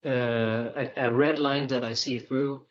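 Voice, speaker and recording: A man, a winemaker guest in a casual wine-tasting chat, talking in a measured, thoughtful way as he searches for words. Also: medium pitch, steady tone. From Denmark. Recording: dull lo-fi recording.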